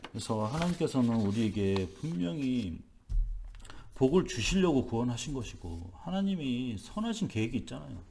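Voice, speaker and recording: Man, pastor, dawn sermon, emphatic, repetitive, rhetorical questions, mellow dark tone. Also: mid-range voice, big pitch swings, normal speed, gravelly, a little hiss or hum. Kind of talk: early-morning sermon. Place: church.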